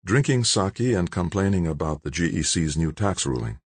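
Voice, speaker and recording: A solemn, restrained son in his thirties, voiced by a man in a deep, husky tone. He answers tersely, dry and close. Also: animated, normal speed, no room sound.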